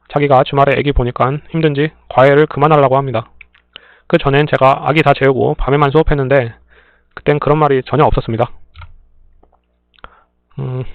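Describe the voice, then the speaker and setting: A man reading listener stories aloud in a plain, steady way, adding brief dry remarks between them. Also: mid-range voice, creaky, no room sound. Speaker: story reader and channel host. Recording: tinny phone-like dry sound.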